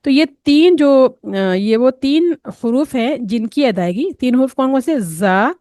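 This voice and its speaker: A woman teaching tajweed pronunciation. She explains patiently, step by step, models each sound slowly, and mixes English words into her teaching. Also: high-pitched, expressive, mellow, no echo, clean studio sound. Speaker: Quran recitation teacher.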